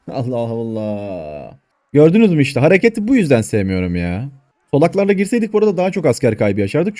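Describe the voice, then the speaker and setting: Male gaming host, mid-pitched, dry close mic, excitable play-by-play with shouted commands and curses. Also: no echo. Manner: excitable, swears at his troops, shouts orders. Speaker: gaming YouTuber. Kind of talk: casual gameplay commentary.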